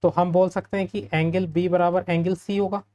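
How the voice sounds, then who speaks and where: A man's voice: high voice, level tone, warm tone. Male tutor, friendly and conversational, explains a proof step by step with frequent "right?" check-ins. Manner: friendly, asks the class quick checking questions. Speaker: maths teacher. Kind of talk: step-by-step geometry lesson.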